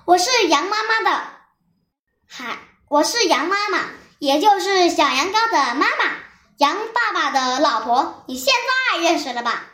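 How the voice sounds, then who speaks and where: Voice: extremely high pitch, animated, pushed and bright, roomy sound, full character voice. A child voicing a protective, angry mother sheep who scolds and demands answers. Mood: indignant. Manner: scolding, fast and insistent.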